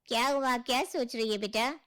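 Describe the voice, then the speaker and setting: A woman's voice: a little high, normal speed, fairly bright tone, close to an everyday voice. A woman voicing an affectionate elderly mother figure in a cartoon story. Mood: gentle.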